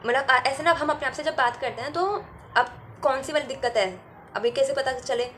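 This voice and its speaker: Chatty woman with a higher voice. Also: fairly bright tone, a little hiss or hum. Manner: frank and chatty, often repeats a quick "okay" filler; laughs easily while talking. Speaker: spiritual content creator. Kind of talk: casual storytelling vlog.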